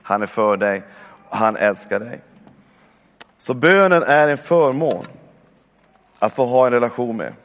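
A man's voice: medium pitch, animated, long pauses. A man in his forties delivers a sermon in a church hall. His voice carries a long reverb, and he keeps urging his listeners on with calls of "come on". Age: 40s. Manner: warm, exhortative, with repeated calls of "come on". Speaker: preacher.

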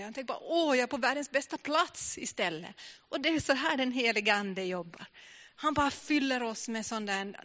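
A woman's voice: medium pitch, a bit bright. A woman preaching a sermon in a church, telling a personal testimony with many restarts and fillers.

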